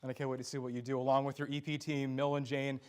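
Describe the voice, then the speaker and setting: A man's voice: medium pitch, flat delivery, quick pace, darkish tone, clean tone. A young man hosting a student sports news show, speaking in an earnest, scripted anchor delivery. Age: young adult.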